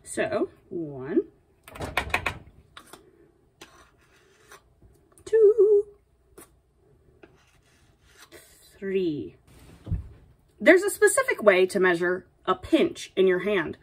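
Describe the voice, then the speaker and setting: A young woman hosts a comedic baking tutorial in character as a playful, sassy princess, full of dry asides and a mock-dainty manner. She pushes her medium-pitched voice below her natural register into something husky, darkish and exaggerated, swooping wildly in pitch at a slow pace. The camera sits a few feet away in a small indoor apartment kitchen, so the sound is distant.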